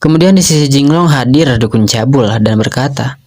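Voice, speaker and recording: A man's voice: mid-range voice, moderate pace, a little mellow. A man narrating a story recap in a chatty, casual way, talking to his listeners. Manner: chatty, addresses listeners as guys.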